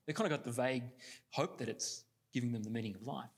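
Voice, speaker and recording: A man's voice: mid-range voice, fast. A man reading scripture steadily, then preaching with many fillers and restarts.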